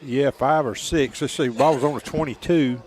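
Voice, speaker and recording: Man, radio color analyst, mid-pitched, slow drawl with dry teasing. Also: a little mellow. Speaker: color commentator. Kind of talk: local radio football commentary.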